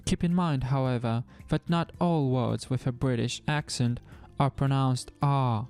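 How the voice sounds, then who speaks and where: A man giving a pronunciation lesson, demonstrating sounds slowly and deliberately. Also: medium pitch, darkish tone, clean tone, faint music behind. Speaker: language teacher.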